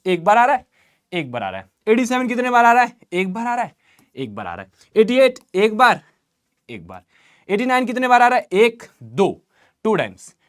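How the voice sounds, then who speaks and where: A young man with an Indian accent teaching an online maths revision lesson, chatty and energetic, asking questions and answering them himself. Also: sits high, normal speed, clear, resonant tone.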